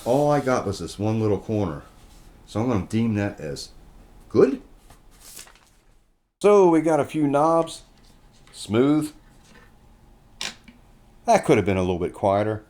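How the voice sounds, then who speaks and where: A man with a fairly low, mellow voice reviews a guitar, casually inspecting it and explaining one check after another. His manner is plainspoken and folksy, like a relaxed hands-on walkthrough of the product.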